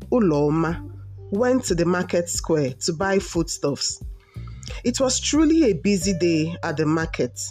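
A woman reads a folk tale aloud at an unhurried pace. Her voice rises and falls in a lively, animated way, with soft music faintly underneath. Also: mid-range voice. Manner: slow, expressive storytelling. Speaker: narrator. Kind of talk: storybook narration.

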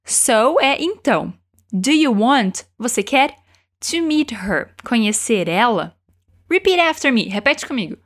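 A woman teaching English, encouraging learners and slowing down to model each phrase for them to repeat. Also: a little high, very animated. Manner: encouraging, slows down to model pronunciation. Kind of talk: language lesson with repeat-after-me drills.

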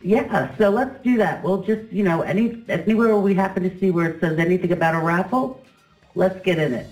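Female travel host: conversational guide, lower register, roomy sound with background music. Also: brisk, a little mellow. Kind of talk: casual travel chat. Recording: echoey, music behind.

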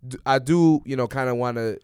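A man's voice: mid-range voice, brisk, darkish tone, smooth, no room sound, studio quality. A young man hosting a casual podcast chat. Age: young adult. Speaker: podcast host.

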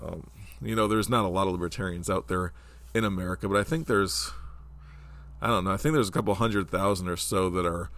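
Congested from a cold, this podcast host, a man in his forties, chats on his own in a loose, rambling way peppered with fillers. His voice is low and fairly bright, and he speaks fairly quickly.

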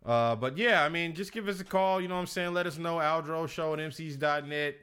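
Laid-back smooth-voiced male radio host. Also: fairly high pitch, a little fast, a bit bright. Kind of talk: casual chat.

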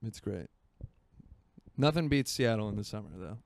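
A solo podcast host in his twenties, from Florida, chats from his home by a marina in a fairly low, creaky, darkish voice that is expressive and normal in speed. His talk is loose, rambling and self-mocking.

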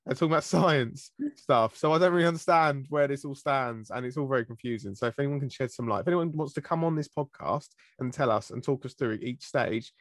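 A man's voice: mid-range voice, a little fast, few pauses, a bit bright, dry recording, studio quality. A British man from Britain co-hosting a podcast in casual chat, laughing often as he tells stories. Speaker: podcast co-host.

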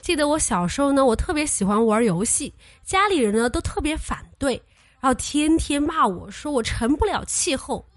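Over soft background music in a clean, dry studio, a young woman with a high voice hosts a comedy podcast at a moderate pace. Playful and teasing, she tells jokes and anecdotes and animatedly acts out quoted voices.

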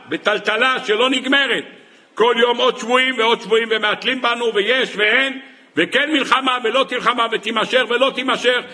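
A rabbi giving a sermon on the weekly Torah portion, impassioned, rising into pleading and dropping to hushed asides, slowing down when quoting sources. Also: male voice. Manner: impassioned, swinging between raised pleas and hushed low asides.

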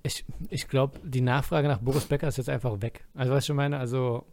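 Man, rapid gravelly talker, casual chat, repeats himself. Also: mid-range voice, fairly even intonation, darkish tone, no echo. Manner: quick, repeats himself while arguing a point.

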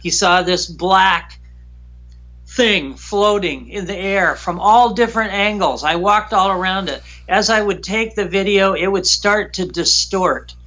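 A man guest recounting a frightening personal story in an emotional, halting way, often repeating himself. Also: high voice, sharp tone.

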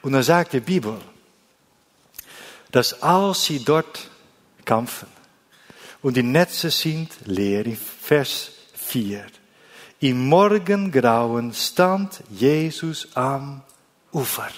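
A man from the Netherlands, preaching a sermon in German, slow and deliberate, with phrases that often drop to a soft low ending. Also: expressive. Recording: long hall reverb.

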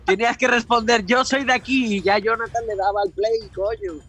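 A man's voice: very high-pitched, steady tone, brisk, a bit bright, slightly rough. A man co-hosting a music podcast, rambling with restarts and teasing his friends. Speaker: podcast co-host. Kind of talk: casual chat about music.

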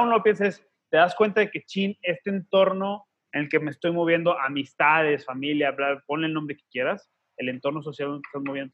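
A man's voice: a little high, muffled recording. A man, co-hosting a faith podcast and telling personal stories earnestly with slangy asides. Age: 30s. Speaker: podcast co-host. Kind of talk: casual faith podcast conversation.

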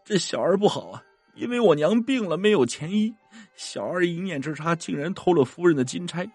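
A man's voice: high voice, animated, unhurried, slightly rough, no room sound, faint music behind, pitched above the performer's own voice, full character voice. A man voicing a remorseful young male servant who pleads through tears. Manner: sobbing and pleading.

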